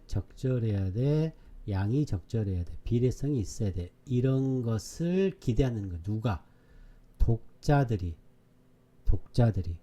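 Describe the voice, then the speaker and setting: In an online English exam-prep lecture, a male teacher with a mellow, medium-pitched voice keeps drilling his students with questions and then answers them himself, over and over.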